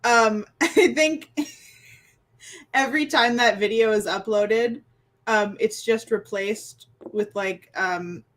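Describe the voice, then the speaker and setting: A woman playing a tabletop role-playing game who speaks hesitantly and haltingly, with many fillers. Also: mid-range voice, fairly bright tone. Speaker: player. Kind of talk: tabletop role-play chat.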